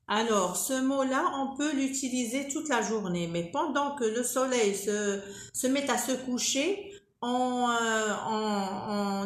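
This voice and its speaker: A woman's voice: fairly high pitch, echoey room. A woman teaching French greetings in a video lesson, repeating each word with care for her learners. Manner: careful, repeats words for learners. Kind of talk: slow spoken French lesson.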